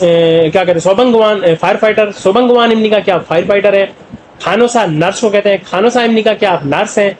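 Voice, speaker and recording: A man with a Pakistani Urdu accent gives an explanatory classroom lesson in a fairly high voice. He works through words one at a time and fills pauses with stock phrases. A faint hum of room noise sits behind him. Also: low-quality recording. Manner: translates word by word, with many "jo hai na" fillers. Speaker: Korean language teacher.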